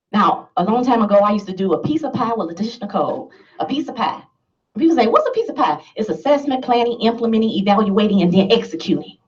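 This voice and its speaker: A woman's voice: medium pitch, a little mellow, distant mic, highs cut off. A woman giving an emphatic motivational talk to a live audience, laughing and asking the listeners questions. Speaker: motivational speaker.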